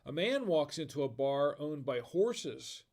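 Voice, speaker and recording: With a slightly high, darkish voice full of big pitch swings, an American man hosts a casual live stream at a measured pace. He laughs at his own corny bar jokes and dad jokes and reads chat comments aloud.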